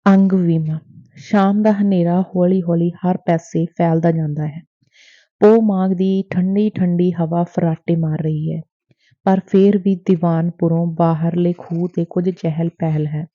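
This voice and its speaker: A woman narrating a novel as an audiobook in a measured, steady reading voice. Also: fairly low pitch. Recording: dry, tinny phone-like sound.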